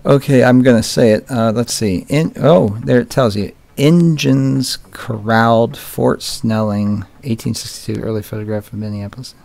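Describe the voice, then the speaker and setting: A man's voice: medium pitch, a little fast, creaky, hardly any pauses, warm tone. A man hosting his own channel, giving casual commentary on old photos with wry, joking asides. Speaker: channel host.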